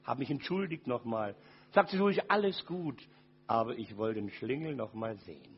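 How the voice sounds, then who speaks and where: An older man giving a personal testimony to an audience, dramatic, dropping from loud to very quiet. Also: medium pitch, lively intonation, normal speed, husky, dull audio.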